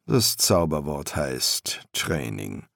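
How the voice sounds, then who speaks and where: A man voicing a weary older master embalmer who answers in a dry, patient, deadpan way. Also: very deep voice, slow, vocal fry, no room sound, voice pushed down, heavily acted.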